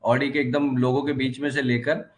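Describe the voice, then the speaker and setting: A man's voice: mid-range voice, level tone, moderate pace, roomy sound. A man, a car diagnostics trainer answering questions in a live online class with confident, reassuring instruction.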